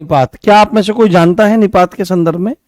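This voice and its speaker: A man's voice: high-pitched, fast talker, darkish tone, no room sound, clean studio sound. A man teaching an online grammar class, repeating key words and asking and answering his own questions.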